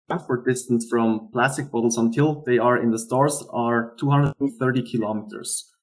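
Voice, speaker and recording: A man presents as a startup founder in a rehearsed investor pitch style, explaining earnestly with some halting pauses. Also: rough recording.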